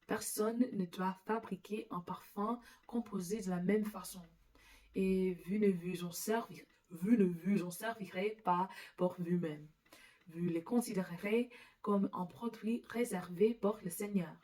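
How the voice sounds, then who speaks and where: A woman with an English accent, a native English speaker, reading scripture aloud carefully and haltingly, stumbling and restarting on words. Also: mid-range voice, warm tone. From England. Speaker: Bible reader.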